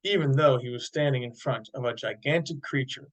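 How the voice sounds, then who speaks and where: A man reading aloud a chapter of his own novel in steady storytelling narration. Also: mid-range voice, a little fast, poor audio. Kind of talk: audiobook narration.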